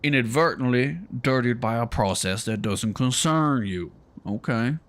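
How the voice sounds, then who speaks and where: A man's voice: mid-range voice, moderate pace, fairly bright tone, slightly rough. A man voicing a pompous male mayor, reading game dialogue in a put-on southern drawl.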